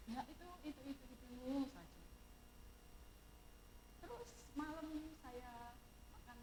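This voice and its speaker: A woman's voice: sits high, lively intonation, measured pace, noisy background. An older woman giving a sermon testimony, moving from fervent preaching into chatty storytelling. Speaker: church minister.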